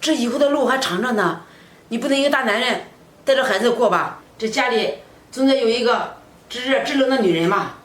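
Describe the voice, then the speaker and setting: A woman's voice: a little high, brisk, lightly acted. Meddling neighbor aunt, middle-aged woman, coaxing matchmaker tone; echoey room. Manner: coaxing, persuasive. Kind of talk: short web drama acting.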